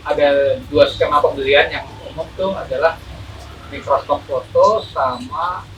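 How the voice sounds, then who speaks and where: A man's voice: on the high side, measured pace. A man explaining things casually as an interview guest, hesitant and repeating words, slightly muffled by a face mask. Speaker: photography teacher, interview guest. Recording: distant mic, faint room noise.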